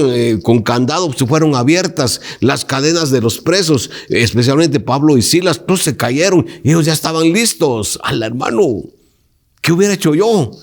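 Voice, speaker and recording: A male pastor teaching a Bible lesson, emphatic and preacherly, putting direct questions to his listeners. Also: fairly high pitch.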